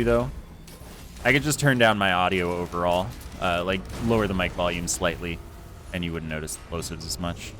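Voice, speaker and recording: Streaming a game from his air-conditioned home room, a man with a low, fairly bright voice chats casually into a close, foam-covered desk mic. He rambles and puts himself down, filling his talk with fillers, and a slight hiss or hum can be heard.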